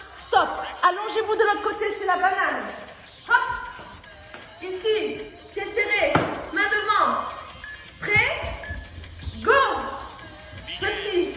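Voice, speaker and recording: A woman leading a workout class as a fitness coach, energetic, pushing and encouraging, counting reps. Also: extremely high pitch. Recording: very echoey hall with music.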